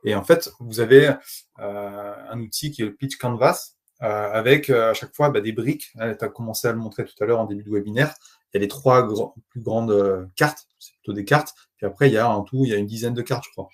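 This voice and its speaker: A man's voice: on the low side, fairly quick. A man co-hosting a webinar, sharing his experience modestly in casual, hesitant speech. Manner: modest, conversational, hesitant fillers. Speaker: webinar co-host.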